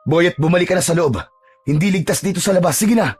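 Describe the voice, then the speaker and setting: A narrator voicing a stern, protective priest who gives firm orders. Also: female voice, on the low side, fast talker, a little mellow, a little hiss or hum, pitched above the performer's own voice, natural voice. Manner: firm, commanding.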